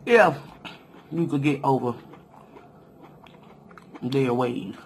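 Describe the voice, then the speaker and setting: A man's voice: medium pitch, extremely slow, a little hiss or hum. A man hosting a casual eating video, talking while chewing and chatting straight to his viewers, humming over his food. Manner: chatty, addresses viewers directly, hums with food. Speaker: mukbang vlogger.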